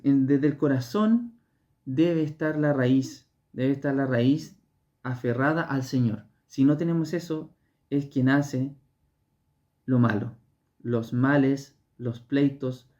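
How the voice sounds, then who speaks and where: A Chilean-accented man preaches a sermon in a calm, unhurried way, often repeating a word and pausing on fillers as he searches for the next phrase. His voice is mellow and soft-edged. The sound is dull and lo-fi, like an online church stream. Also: medium pitch. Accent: Chilean Spanish. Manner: measured, repeats words, hesitant fillers.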